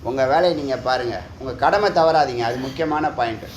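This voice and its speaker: A man's voice: mid-range voice, a little fast. A man giving a spiritual discourse, scolding his listeners with teasing rhetorical questions. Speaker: spiritual teacher. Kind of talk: Tamil discourse on scripture. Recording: echoey room, faint background noise.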